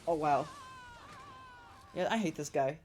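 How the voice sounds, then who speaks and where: A woman's voice: deep voice, a little slow, darkish tone, slight background noise. Chatty woman streamer with a sore throat. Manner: rambling, chatty, swears freely. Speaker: game streamer. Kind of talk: casual let's-play commentary.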